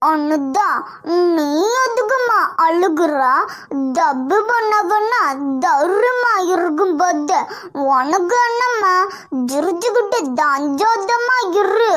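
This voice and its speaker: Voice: very high-pitched, expressive, takes it slowly, fairly bright tone, heavily acted. A voice actor playing a grieving middle-aged mother in a cartoon, with a Kanyakumari Tamil accent and a tearful, pleading manner. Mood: consoling. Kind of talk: cartoon voice acting.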